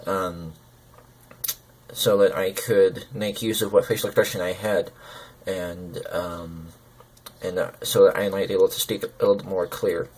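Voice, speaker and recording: A man talking personally to camera, hesitant and halting, with slurred lip consonants as if numb from the dentist. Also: sits low, flat delivery, darkish tone. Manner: hesitant, halting, searching for words. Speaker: gaming video creator.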